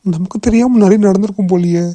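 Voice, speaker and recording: A woman's voice: mid-range voice, fast talker, dark tone, no echo, close to an everyday voice. A woman voicing a nosy, teasing young male friend in a cartoon, full of surprised gossipy exclamations. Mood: astonished. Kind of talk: cartoon voice acting.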